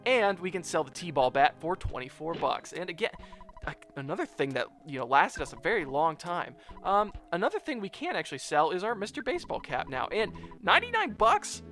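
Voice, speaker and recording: Animated, higher-voiced man doing game commentary. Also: a little fast, faint music behind. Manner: rambling, chatty, addresses viewers as guys. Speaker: gameplay video host. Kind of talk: casual let's play commentary.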